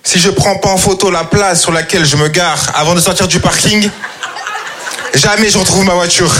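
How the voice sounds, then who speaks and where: A man's voice: high-pitched, moderate pace, bright, forceful tone. A man doing a chatty stand-up routine on stage, talking straight to the audience. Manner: chatty, addresses audience with "tu vois". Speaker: stand-up comedian. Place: comedy stage before a live audience. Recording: live show with crowd noise. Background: audience laughter.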